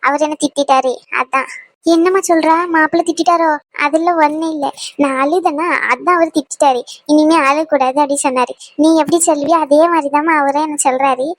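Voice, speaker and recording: Brief: woman, bright high voice, tender cartoon family drama. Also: steady tone, a little fast, dry recording. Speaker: voice actor for women in a family cartoon.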